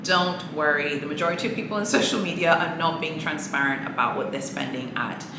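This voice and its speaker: Speaking fairly quickly to camera, a luxury handbag vlogger with a fairly low voice gives her viewers a casual, earnest, pep-talk-style message. She restarts phrases and laughs softly at times, in an echoey room with a steady background noise beneath her.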